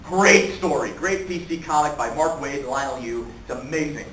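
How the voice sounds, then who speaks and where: A man speaking at a fan convention panel, animated and profane, laughing often and acting out quotes, recorded in an echoey hall from far off. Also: on the high side, moderate pace, a little hiss or hum.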